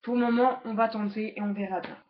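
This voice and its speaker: A woman's voice: fairly high pitch, steady tone, fast talker, lo-fi sound, noisy background. A woman casually reviewing makeup brushes, hesitant and chatty with many fillers, recorded at home on a laptop webcam. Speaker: beauty vlogger.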